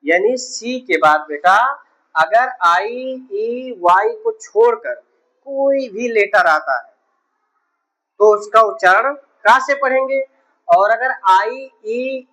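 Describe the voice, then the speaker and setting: A woman's voice: a little high, animated, takes it slowly, a bit bright, poor audio. A woman teacher explaining English pronunciation rules, asking questions and answering them herself. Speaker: school teacher. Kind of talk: classroom phonics lesson.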